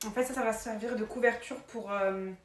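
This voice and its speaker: A fairly high-pitched, fairly even voice at normal speed belongs to a young new mother vlogging indoors at home. She chats casually to camera in French with a slight foreign accent, leaning on fillers and calling viewers girls. There is faint background noise along with clicks.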